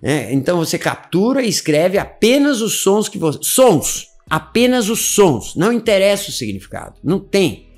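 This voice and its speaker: Animated gravelly-voiced man teaching. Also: sits high, moderate pace, few pauses. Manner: animated, repeats words, frequent "tá?" check-ins. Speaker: English teacher. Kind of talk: casual video lesson.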